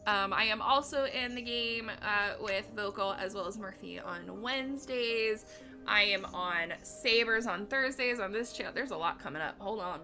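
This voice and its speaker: A woman's voice: mid-range voice, bright, forceful tone, soft background music. A woman hosting her stream as game master, chatting in a bubbly, enthusiastic way. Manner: bubbly and enthusiastic, quick to laugh. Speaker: game master and channel host. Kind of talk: casual chat introducing a stream.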